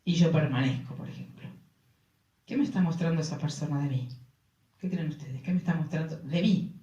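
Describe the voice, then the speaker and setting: A woman's voice: low voice, brisk, dark tone, lo-fi sound. Rioplatense woman addressing an audience. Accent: Rioplatense Spanish. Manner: keeps checking in with rhetorical questions to the audience. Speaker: speaker on relationships. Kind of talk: talk to a live audience. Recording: roomy sound from a distant mic.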